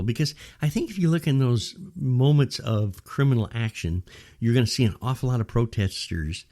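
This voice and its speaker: Low-voiced older American man on a grumbling rant. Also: a little mellow. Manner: old man's grumbling rant, with rhetorical questions. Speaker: opinion commentator. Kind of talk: opinionated monologue rant about current affairs.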